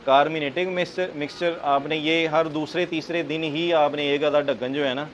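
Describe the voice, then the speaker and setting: A Pakistani pigeon keeper gives casual, chatty advice on caring for pigeons, repeatedly saying "theek hai." His voice is on the high side, steady and at normal speed, in a low-quality recording with faint bird noise in the background.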